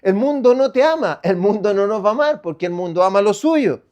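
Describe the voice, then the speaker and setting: Chilean pastor guy preaching, high-ish voice, keeps asking questions then answering, gets loud on the big points. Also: lively intonation, a little fast. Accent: Chilean Spanish. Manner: emphatic preaching with rhetorical questions and frequent loud swells. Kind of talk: sermon.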